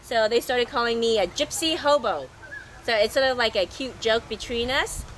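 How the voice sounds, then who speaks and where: A middle-aged woman chats to camera in a loose, rambling, easygoing way, her slightly high voice roughened and scratchy from a recently lost voice. A faint hum of noise sits behind her. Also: normal speed, a bit bright. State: scratchy, recovering from losing her voice. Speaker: sailing travel vlogger. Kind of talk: casual unscripted monologue to camera.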